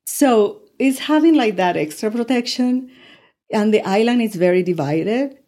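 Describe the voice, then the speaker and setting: Warm-voiced woman in her sixties. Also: fairly high pitch, animated, unhurried. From Puerto Rico. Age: 60s. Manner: earnest, with frequent fillers and light laughs. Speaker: guest. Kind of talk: conversational interview.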